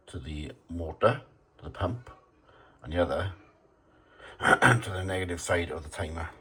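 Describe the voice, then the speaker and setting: Demonstrating his homemade gadget around a shed and garden, partly outside, a hobbyist talks casually and plainly in short, practical phrases. His voice sits low, fairly bright and slightly rough.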